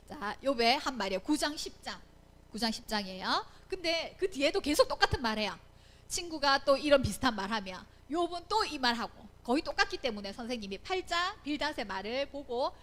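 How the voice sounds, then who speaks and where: A woman teaching a Bible lesson to children, acting out quoted lines and often checking "right?" with her listeners. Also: on the high side. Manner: animated, acts out quoted voices, asks "right?" often. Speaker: Sunday school teacher.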